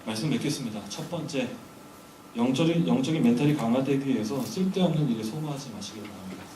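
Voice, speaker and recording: A man's voice: medium pitch, animated, quick pace, dark tone. A man preaching a sermon to a congregation, earnest and full of rhetorical questions. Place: church sanctuary during a weekday service. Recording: echoey hall, distant mic, background noise.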